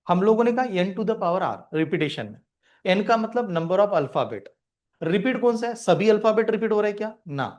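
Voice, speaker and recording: High-voiced male math teacher. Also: a little mellow. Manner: asks questions and answers them himself. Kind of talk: classroom lecture.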